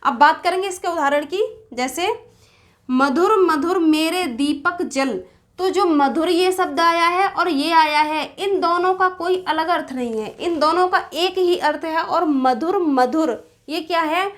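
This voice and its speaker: A high-pitched woman teaching an exam-prep grammar lesson at an unhurried, deliberate pace. She keeps asking rhetorical questions and answering them herself. When she quotes verse she slips into a sing-song recitation. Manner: explains slowly, asks and answers her own questions. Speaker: Hindi teacher.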